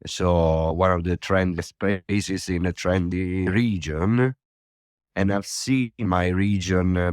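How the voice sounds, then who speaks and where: A man's voice: sits low, no echo, studio quality. A man from southern Italy with an Italian accent, a wine professional answering interview questions in a friendly way and laughing often. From Puglia, Italy. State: morning voice. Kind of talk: casual interview over a phone call.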